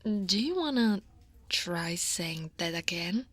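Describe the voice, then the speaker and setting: An Italian woman with an Italian accent acts out a weary, guarded female dragon office coworker in a heavily acted ASMR roleplay, using a soft, tired, breathy half-whisper close to the mic. Her voice is fairly low with lively intonation, she speaks slowly, and the recording is dry.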